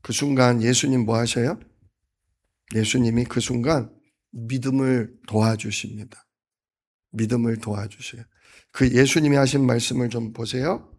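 A male pastor preaching a sermon, acting out quoted lines with sudden loud outbursts and then dropping to a soft voice. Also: mid-range voice, steady tone, normal speed, long pauses. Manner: dramatic, acts out quotes with sudden loud bursts.

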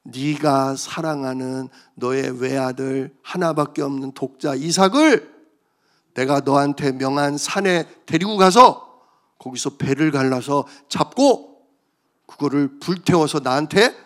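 A man in a sermon voicing God as a stern, fatherly figure who speaks in slow, commanding pronouncements. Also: medium pitch, pitched below the performer's own voice, lightly acted. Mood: solemn. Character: stern fatherly male deity.

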